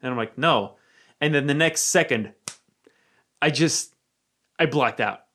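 Chatting casually, this young man from Romania, who has an American accent, recounts something that happened to him at a measured pace and in a sharp tone. He's animated, curses without hesitation, and sinks into a low murmur when repeating what he was thinking.

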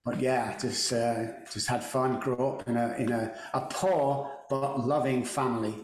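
Speaking with a Mancunian English accent, this podcast guest from England chats, jokes and pokes fun at himself while telling stories in an echoey room. His mid-range voice keeps a fairly even intonation at a measured pace, with a slight hiss or hum.

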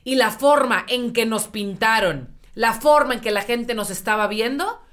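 Quick high-voiced woman chatting. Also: a bit bright. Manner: quick, interjecting, emphatic. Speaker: guest. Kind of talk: casual podcast chat.

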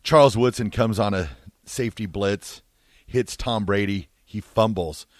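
Man, 40s, low voice, dry studio mic, clipped radio co-host. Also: a little slow, no room sound. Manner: clipped, storytelling in short bursts. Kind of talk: casual sports talk radio. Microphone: studio microphone.

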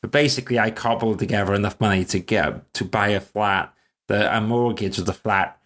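A man's voice: fairly low pitch, brisk, fairly bright tone. A man from Wales hosting a podcast, chatting in a rambling, self-deprecating way. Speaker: podcast host. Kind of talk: casual chat.

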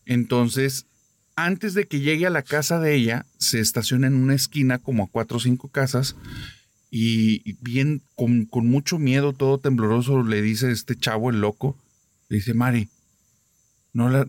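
A man's voice: mid-range voice, moderate pace, dry recording. A man casually retelling a listener's ghost story on a podcast. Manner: casual, lively retelling with many quoted voices.

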